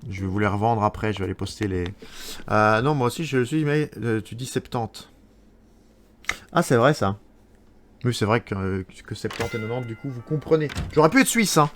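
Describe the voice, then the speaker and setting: A man's voice: medium pitch, animated, fairly quick. A man with a Belgian French accent from Wallonia, chatting live with viewers while playing a game. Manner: chatty, answers viewers, thinks aloud. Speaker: streamer.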